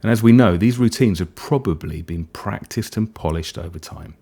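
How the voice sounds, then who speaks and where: A man with a fairly low pitch leads a hypnosis session, his voice soft, soothing, and breathy. He takes his time, leaving gentle pauses between phrases.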